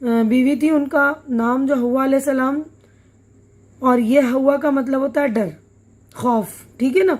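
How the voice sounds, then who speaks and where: This woman teacher reads through a textbook lesson with a high voice and fairly even intonation. She patiently explains every word with easy glosses and asks checking questions along the way.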